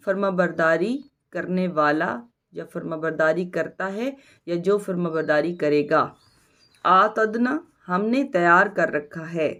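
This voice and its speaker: A woman teacher with a Pakistani Urdu accent, giving a recorded study lesson and going slowly through word meanings one at a time. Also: on the low side. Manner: reads word meanings slowly, stressing each word.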